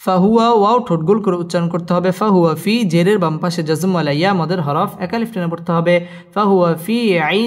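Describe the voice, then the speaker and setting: A man teaching Quran recitation, chanting each verse slowly and then explaining the pronunciation rules in quick, even speech. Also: sits high. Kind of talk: slow Quran recitation lesson with spelled-out tajweed rules. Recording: echoey hall with faint music.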